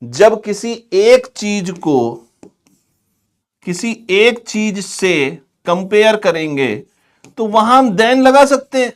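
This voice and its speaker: A man teaching English grammar in a chatty, scolding classroom lecture. He drags out example words slowly. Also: high voice, sing-song. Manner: chatty and scolding, calls students "bhai" and "pagle".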